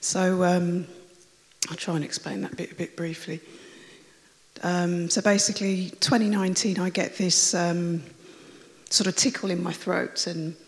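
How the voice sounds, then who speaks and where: A woman with a raspy, croaky voice that always sounds like she has a cold, chattily telling her testimony to a church congregation, rambling with fillers and restarts. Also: on the low side, fairly even intonation, measured pace. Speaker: church member giving a testimony. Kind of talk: personal testimony told to a congregation. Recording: long reverb of a large hall.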